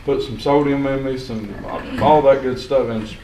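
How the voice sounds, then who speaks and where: A man's voice: mid-range voice, fairly even intonation, moderate pace, warm tone. A young man giving unscripted public comment at a county meeting, plain-spoken and rambling with restarts. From Sequatchie County, Tennessee. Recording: echoey hall, distant mic, faint hiss.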